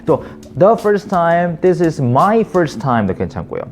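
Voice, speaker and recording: A man teaching English grammar to Korean viewers, reading example sentences slowly and checking in with rhetorical questions. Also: a little high, very animated, soft background music. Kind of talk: video English lesson.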